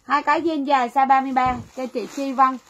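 High-voiced woman selling live. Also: level tone, fast talker, muffled recording. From Vietnam. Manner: chatty, repeats phrases to viewers. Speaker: livestream seller. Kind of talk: livestream sales pitch.

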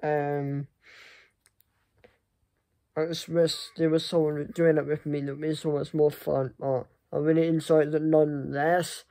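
A young man chatting casually to camera in a halting, rambling way that often trails off. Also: on the high side, little pitch movement, warm tone. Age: young adult. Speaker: vlogger. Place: small furnished room indoors. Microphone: phone at arm's length.

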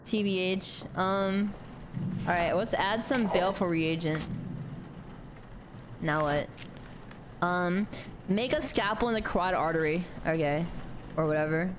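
A young woman streaming a game, chatting to her viewers, giggling and filling pauses with "um". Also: on the low side, background noise. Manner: talks to chat, animated, giggly, mumbles "um" often. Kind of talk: casual gameplay commentary.

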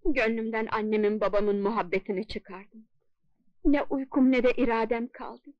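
A woman's voice: fairly high pitch, steady tone, moderate pace, no echo, lightly acted. A woman playing a lovestruck, anguished young Ottoman maiden, plaintive and declamatory in an old film melodrama. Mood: anguished pleading. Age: young adult. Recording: dull, dry old dubbed film soundtrack.

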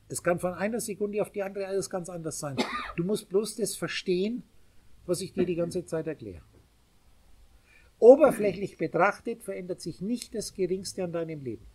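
A man's voice: high voice, darkish tone, breathy edge. A man giving a spiritual lecture to a small group, speaking emphatically and addressing his listeners directly. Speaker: spiritual teacher.

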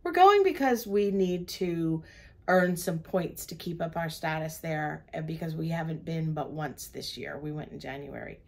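A woman's voice: low voice, lively intonation, moderate pace, creaky, a little mellow. An older woman on a cruise ship, chatting through the day's events in a travel vlog from her cabin. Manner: chatty, recounts the day step by step. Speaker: travel vlogger. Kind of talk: casual chat.

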